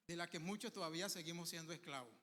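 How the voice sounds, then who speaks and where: A man preaching a sermon with emphatic bursts and quiet asides, calling the congregation to say amen. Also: a little high, quick pace, big-room sound. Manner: calls on the congregation for amens.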